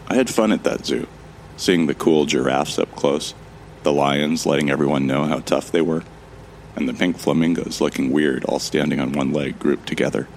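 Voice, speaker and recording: In an audio drama, a man voices a calm, wry amnesiac survivor who pokes fun at himself, narrating in a gravelly, measured, introspective way. His voice rumbles low, and there's a slight hiss or hum.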